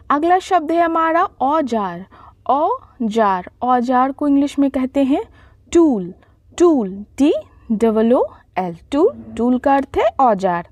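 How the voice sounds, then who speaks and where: A woman teaching vocabulary in a slow dictation style, saying each word twice and spelling it out letter by letter. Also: high voice, a little mellow, no echo, studio quality.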